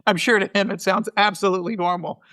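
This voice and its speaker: A bright, high-pitched American man, a storyteller and show organizer, is a guest on a casual podcast interview. He explains his craft conversationally, reflective and halting, doubling back on words as he works through a thought. His tone stays steady.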